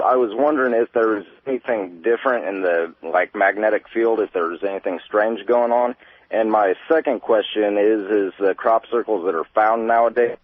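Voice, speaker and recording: A man's voice: fairly low pitch, no echo. A man from Illinois calling in to a radio show over the phone, casual and polite. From Illinois, USA. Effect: heard over the phone. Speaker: caller. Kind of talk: call-in radio question. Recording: narrow tinny phone line.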